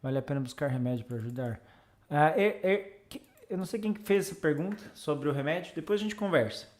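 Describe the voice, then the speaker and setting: A man's voice: a little high, animated, a little fast, a little mellow. A man from Brazil, tutoring exam students on a casual live stream and chatting through viewers' comments. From Santa Catarina, Brazil.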